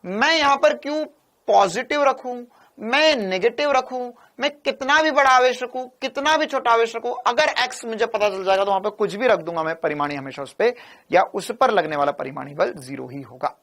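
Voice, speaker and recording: A man teaching a physics lecture in an animated, teasing way, repeating key lines. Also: extremely high pitch, moderate pace. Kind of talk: classroom lecture.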